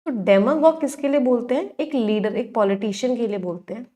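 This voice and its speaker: A woman's voice: on the high side, brisk, dark tone. A young woman teaching exam-prep vocabulary, mixing in terms, asking questions and answering them herself.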